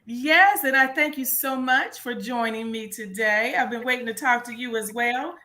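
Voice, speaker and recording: A woman's voice: fairly high pitch, moderate pace, sharp tone, a little hiss or hum. A woman hosting a casual interview in an effusive, encouraging way. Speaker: interview host.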